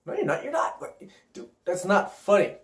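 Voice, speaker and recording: A man's voice: sits high, very animated, normal speed, pitched above the performer's own voice. A man voicing an angry older brother who scolds and dismisses his younger sibling. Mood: scornful. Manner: scornful, scolding. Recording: roomy echo.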